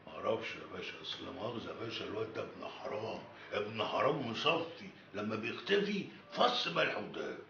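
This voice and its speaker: An actor playing a gruff, commanding neighborhood boss, with an Egyptian accent and a blunt way of talking. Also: male voice, lowish voice, big pitch swings, quick pace, pushed and bright, slight background noise, exaggerated voice. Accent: Egyptian Arabic. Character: gruff middle-aged male neighborhood boss. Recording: dull film soundtrack.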